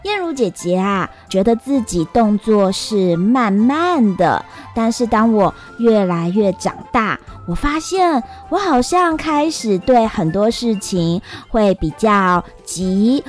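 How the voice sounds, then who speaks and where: A woman storyteller narrating a children's story in a sing-song manner, speaking directly to the kids. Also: a little high.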